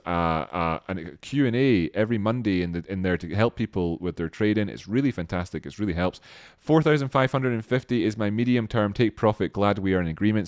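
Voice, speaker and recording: A man's voice: deep voice, dry recording, studio quality. A man hosting a live stream, casually thanking viewers by name in a rambling, self-deprecating way with many restarts.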